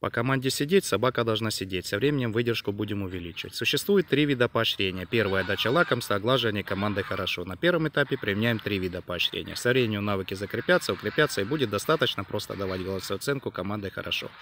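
A man's voice: on the low side, animated, very fast, few pauses, a bit bright. A young man giving instructional dog-training explanations in set phrases, recorded outdoors by a camera a few metres away. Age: young adult. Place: outdoors on a dirt clearing among trees. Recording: noisy outdoor camera sound.

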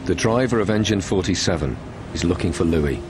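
A very deep male voice narrates a documentary in measured, grave tones. Clear music plays underneath him throughout. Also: expressive. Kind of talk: scripted narration.

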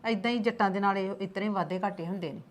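A woman's voice: medium pitch, very fast, natural voice. An actress playing a caring village mother with a Punjabi accent, reassuring her son in a family drama. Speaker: mother of the farmer.

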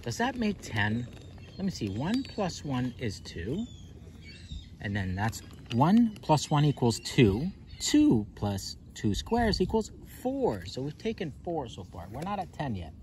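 Out on the grass in a park, a man leads a counting game for little kids, speaking playfully and peppering them with questions. His mid-range, darkish voice swings hugely in pitch at an unhurried pace, while birds and faint outdoor noise sit behind him.

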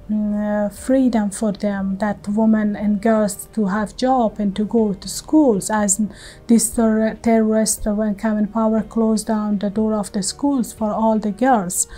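A woman in her forties with an Afghan accent, speaking as an activist in an interview, earnest and halting with frequent fillers. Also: mid-range voice, mellow, low-quality recording. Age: 40s. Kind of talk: interview testimony. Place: bright indoor room with plants.

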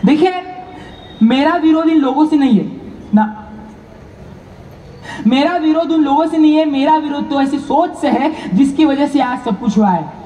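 In a loud theatrical stage monologue, a man plays a beaten, anguished yet dutiful doctor pleading to society, resolute as he repeats phrases declamatorily for emphasis. His voice is very high with lively intonation, at normal speed with long pauses. It's captured from far off in an echoey hall, with noise.

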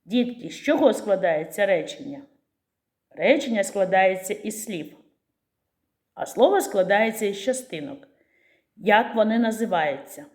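A woman teacher with a Ukrainian accent giving a preschool literacy lesson in a slow, clear, sing-song voice to small children. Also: mid-range voice, lively intonation, darkish tone.

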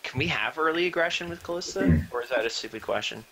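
A young man talking casually over voice chat during a team game, excitable and profane, with a lot of rambling. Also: medium pitch, fast talker, background noise. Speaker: gamer on voice chat.

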